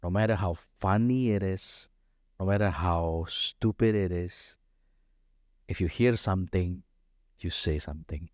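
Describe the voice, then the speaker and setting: A man preaching a sermon as pastor, mixing Indonesian and English, telling a story and slowing down to stress key points. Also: low-pitched, a little mellow, no room sound, studio quality. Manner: switches between Indonesian and English mid-sentence; slows down for emphasis, storytelling delivery.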